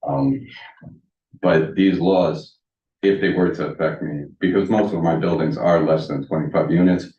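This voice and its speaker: A man's voice: sits low, fairly even intonation, normal speed, dark tone. A man born in the United States, a landlord speaking at a public comment session, blunt and rambling, often restarting his sentences. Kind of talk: public comment at a village board meeting. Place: village board meeting room. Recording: roomy meeting hall, distant dull mic.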